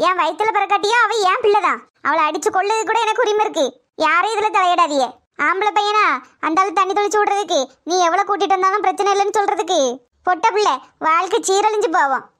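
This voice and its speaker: A woman with a Tirunelveli Tamil accent voicing a stern, sharp-tongued middle-aged aunt in a cartoon. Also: extremely high pitch, fast. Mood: defiant. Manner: sharp, scolding, keeps saying "ஏட்டி". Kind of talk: cartoon voice acting.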